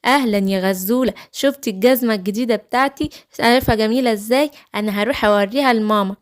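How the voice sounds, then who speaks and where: A woman's voice: very fast, natural voice. A woman voicing a cheerful young girl giraffe in a children's story, with an Egyptian Arabic accent. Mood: proud. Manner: bubbly, shrill when scared.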